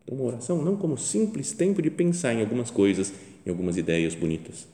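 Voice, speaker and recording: Brazilian preacher in an echoing hall. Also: male voice, medium pitch, quick pace. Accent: Brazilian Portuguese. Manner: colloquial, acts out quoted prayers with lively voices. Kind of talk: conversational sermon meditation. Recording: echoey hall with long reverb.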